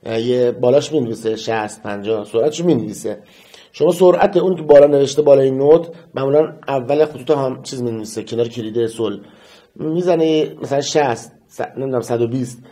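A man teaching metronome practice in a casual lesson, counting beats aloud and humming a melody slowly. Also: medium pitch, dark tone. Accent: Persian. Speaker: music teacher.

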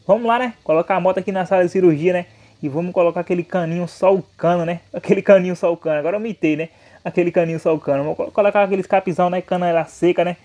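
A man's voice: high-pitched, fairly even intonation, racing, warm tone. A young man with a Brazilian accent hosting a motorcycle vlog, talking in a hyped, slangy way and tagging his sentences with little filler words. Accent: Brazilian Portuguese. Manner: hyped, slangy, repeats tag words like "né" and "hein". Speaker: motovlog host. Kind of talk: excited vlog commentary.

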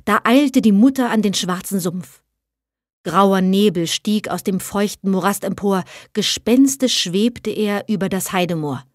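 A woman, an audiobook reader, narrating a fairy tale in a measured, expressive reading. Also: medium pitch, dry recording, clean studio sound. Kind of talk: storybook narration.

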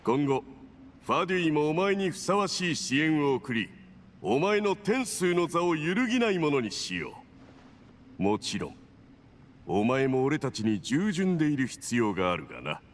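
A man's voice: a little high, big pitch swings, moderate pace. A man voicing a smug, domineering villain envoy in an anime game, with a pompous, condescending and insinuating manner. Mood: pleased, menacing.

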